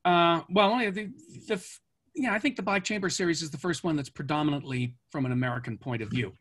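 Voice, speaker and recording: A man's voice: fairly high pitch, fairly quick, fairly bright tone. A man born in France and raised in Canada, an author being interviewed, telling long anecdotes with lots of fillers and restarts. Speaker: author guest. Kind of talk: relaxed storytelling interview.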